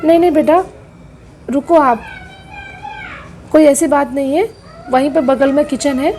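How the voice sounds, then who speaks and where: Woman doing a gentle pleading mother. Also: high-pitched, a little slow, a little hiss or hum, poor audio. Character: gentle middle-aged mother, peacemaker. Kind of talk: doll-play soap drama.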